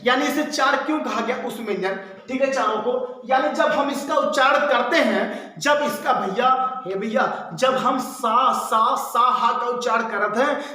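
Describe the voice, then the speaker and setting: A man's voice: very high voice, sharp tone. A male teacher giving an exam-prep lesson, asking and answering his own questions and repeating the answers. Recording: very echoey room.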